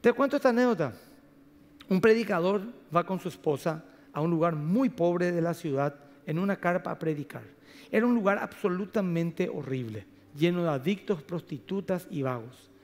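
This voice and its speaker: A man preaching a sermon as pastor, passionate and swinging between loud emphatic peaks and hushed asides. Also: high voice, expressive, normal speed, big-room sound. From Paraguay.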